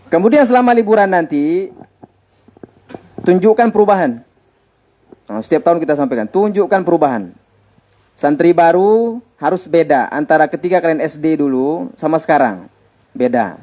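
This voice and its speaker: A man's voice: fairly high pitch, warm tone. A man, a teacher at an Islamic boarding school giving students holiday advice in a conversational way, repeating his points for emphasis.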